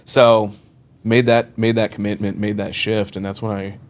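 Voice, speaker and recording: This is a man in his early thirties, a mortgage loan officer guesting on a casual interview, describing his career at a moderate pace. His voice sits on the low side with little pitch variation, and he rambles, acts out quoted dialogue, and laughs often.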